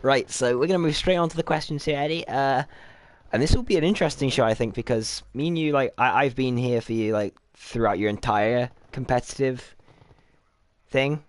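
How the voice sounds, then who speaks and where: A man's voice: medium pitch, fairly quick, dry recording. Chatty man hosting a casual podcast. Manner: chatty, informal, jokey. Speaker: podcast host. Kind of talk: casual gaming podcast interview.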